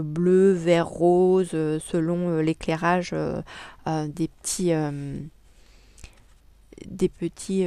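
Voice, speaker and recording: Lady showing craft buys, slow and halting, lots of ums, lowish voice. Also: a little mellow, clean tone, dry recording. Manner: hesitant, many fillers, chatty. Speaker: crafting vlogger. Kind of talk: casual haul video chat.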